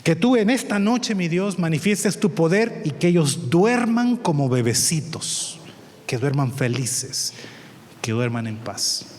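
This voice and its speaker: A man voicing a kind, gentle male pastor who speaks calmly and reassuringly. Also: on the high side, measured pace, long reverb tail. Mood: prayerful. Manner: calm, reassuring.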